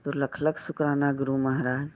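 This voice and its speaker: A woman giving a slow, reverent devotional satsang talk. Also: rumbling low, flat delivery, a little mellow. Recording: dull lo-fi audio.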